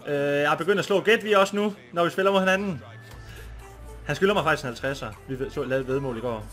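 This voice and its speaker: A man streaming a football video game with a Danish accent, commenting live and getting excited, shouting and swearing often. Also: a little high, faint music behind. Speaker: gaming streamer.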